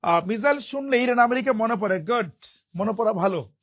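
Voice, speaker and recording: A male teacher giving a live online spelling class, repeating words again and again and spelling them out slowly, syllable by syllable. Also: sits high, animated, fairly bright tone. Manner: drills words by chanting them over and over.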